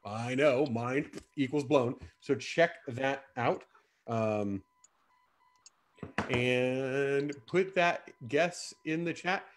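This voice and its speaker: A man's voice: medium pitch, extremely slow, slight background noise. A man hosting a camp live stream in a playful, chatty, joking way. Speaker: camp staff host. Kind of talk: casual live-stream chat.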